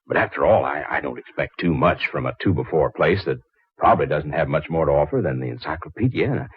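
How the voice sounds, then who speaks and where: A man's voice: rumbling low, lively intonation, fast talker, breathy edge, no echo, heavily acted. An actor playing a brash, flustered young stranger in a 1940s radio drama, stammering and fumbling his words. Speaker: out-of-town engineer visiting a library. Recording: dull old radio recording.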